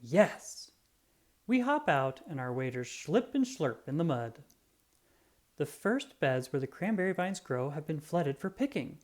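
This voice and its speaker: This reader shares a children's picture book out loud, giving the story expressive life. Their voice is mid-range, moving at a normal speed.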